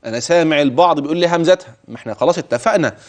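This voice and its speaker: A man's voice: on the high side, very fast. A middle-aged man with an Egyptian Arabic accent teaching Quran recitation rules, voicing his students' questions and then answering them himself. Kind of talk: tajweed lesson with recited verses.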